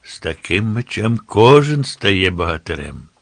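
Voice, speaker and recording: A man voicing a grey-moustached old sword seller at a market, boastfully shouting his wares, in an audiobook. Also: on the low side, very animated, unhurried, gravelly, no echo, studio quality, full character voice. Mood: hawking loudly.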